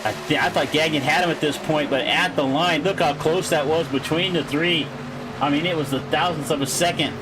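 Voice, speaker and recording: Fast-talking male race commentator. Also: on the high side, noisy background. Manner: fast excited play-by-play with restarts. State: out of breath, voice worn. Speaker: sim racing commentator.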